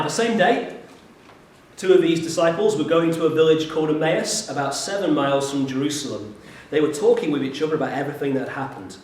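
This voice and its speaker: Lively male youth worker teaching from the Bible, voice on the high side, booming hall echo from a distant mic. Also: slight background noise. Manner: lively, animated storytelling. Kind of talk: talk with Bible reading.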